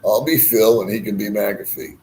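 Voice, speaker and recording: A man's voice: on the low side, normal speed, warm tone, slight background noise. A man hosting a casual livestream, rambling easily as he reads and answers viewer comments with bantering remarks. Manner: rambling, chuckling, easygoing banter. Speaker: livestream host.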